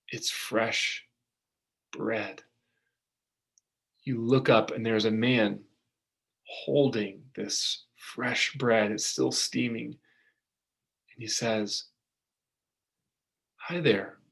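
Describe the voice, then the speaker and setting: Slow soft-spoken male preacher. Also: on the low side, steady tone, vocal fry, slightly rough. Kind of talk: storytelling sermon.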